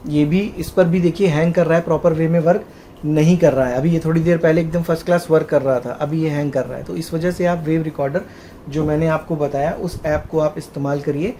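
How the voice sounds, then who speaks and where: A man casually walking viewers through a phone recording setup, pausing often on filler sounds and calling the audience his friends. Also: fairly high pitch, warm tone, slight background noise. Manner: hesitant, with frequent "uh" fillers, addresses viewers as friends. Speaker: tech tutorial host. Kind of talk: casual how-to demonstration.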